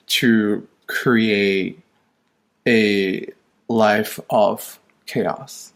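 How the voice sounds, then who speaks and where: A man in his thirties from China, a designer guest chatting in a sassy, flamboyant way in his living room. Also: medium pitch. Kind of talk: casual interview chat. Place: colorful living room at home.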